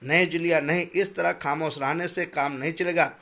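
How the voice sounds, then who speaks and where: A stern, calculating master of the house who tallies every coin aloud and lectures with heavy, deliberate emphasis, as a man voices him while reading a school story. His voice sits a little high for a man and turns sharp and stammering when his anger boils over. The figure is drawn plainly, close to the reader's own voice. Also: fairly even intonation. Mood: lecturing. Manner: pedantic, then shouting and stammering in anger.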